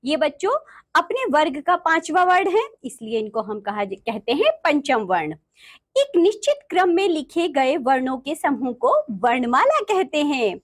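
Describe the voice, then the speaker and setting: A woman teaching a grammar lesson to children, slowly spelling out letters and speaking to them directly. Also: sits high. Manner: slow, deliberate spelling-out of letters.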